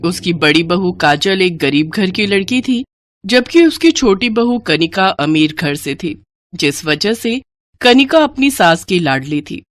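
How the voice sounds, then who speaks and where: A woman's voice: on the low side, unhurried, no echo, clean studio sound. Woman narrating a cartoon story. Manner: steady, plain storytelling.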